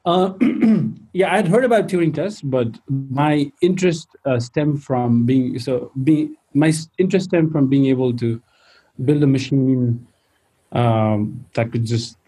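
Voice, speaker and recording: A man from Nepal, a tech company founder, answering interview questions hesitantly with many fillers and some throat clearing. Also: mid-range voice, measured pace, warm tone, rough recording.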